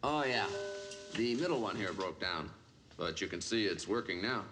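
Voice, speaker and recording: A man's voice: on the low side, expressive, moderate pace, over music, natural voice. A man playing a chatty older caretaker. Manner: chatty, folksy. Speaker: building caretaker. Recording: noisy film soundtrack.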